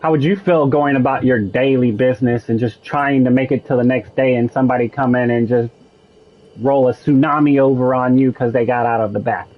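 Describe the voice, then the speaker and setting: A man's voice: mid-range voice, steady tone, fairly quick, narrow, tinny audio. A man streaming a video game, musing and digressing in casual commentary. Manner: musing, digressive, with frequent restarts. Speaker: gaming streamer. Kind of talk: casual rambling commentary over gameplay.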